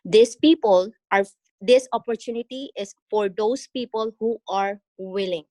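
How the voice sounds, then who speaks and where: A Filipino-accented woman from the Philippines, an exchange teacher, shares her experience in a motivational talk during an online meeting, earnest and encouraging, with frequent pauses and fillers. Her voice is on the high side with a darkish tone. Recorded over a video call, there's no room sound.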